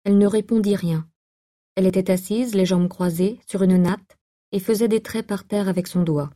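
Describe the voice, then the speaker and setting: Brief: female audiobook narrator, measured reading, very dark mellow tone. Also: mid-range voice, fairly even intonation. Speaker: audiobook reader.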